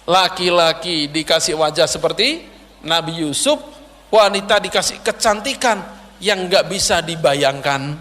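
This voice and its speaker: A man's voice: on the high side, lively intonation, unhurried, sharp tone. A man preacher telling a dramatic sermon story in a prayer hall, addressing the audience directly. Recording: long hall reverb.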